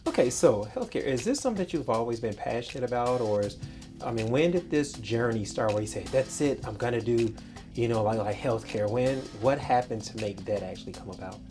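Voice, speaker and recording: A man's voice: medium pitch, lively intonation, a little fast, a little mellow, faint music behind. Rambling, chatty male interviewer. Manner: rambling questions with restarts and "you know". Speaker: interviewer, host. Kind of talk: casual interview.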